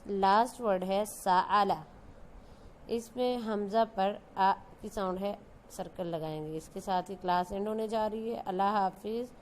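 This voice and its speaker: A Pakistani woman with a mid-pitched voice teaches young children to read the Quran, stretching and repeating each letter sound. There is a faint hiss of background noise behind her. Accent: Pakistani Urdu. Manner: slow, drawn-out letter sounds, repeated for students.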